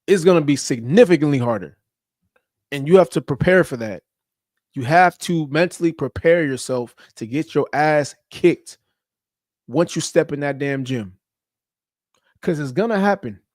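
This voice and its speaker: A man's voice: a little high, animated, moderate pace, pauses often, a little mellow, no room sound, clean studio sound. A man hosting a podcast, giving a blunt motivational talk about fitness and habits, with casual profanity and slang. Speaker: podcast host. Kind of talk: motivational monologue.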